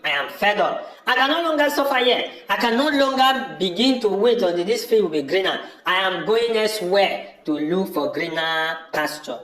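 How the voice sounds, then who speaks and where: A Nigerian-accented man with a high, somewhat bright voice plays a stubborn, fed-up village brother in an amateur audio drama. He's dismissive and keeps insistently repeating himself, and the room sounds echoey.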